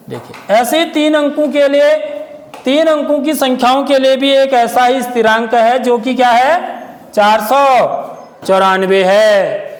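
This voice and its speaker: Male maths teacher with a very high voice, keeps checking with the class, long room reverb. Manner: keeps checking understanding with questions. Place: classroom with pupils answering.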